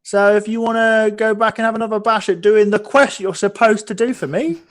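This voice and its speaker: A man's voice: high voice, fairly even intonation, fairly quick, pitched above the performer's own voice, lightly acted. Guy doing a grumpy blunt tavern keeper for a tabletop rpg, jaw stuck out when he talks. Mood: irritated. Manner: jutting-jaw delivery, blunt. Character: gruff, irritable, foul-mouthed male tavern keeper. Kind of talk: tabletop game role-play.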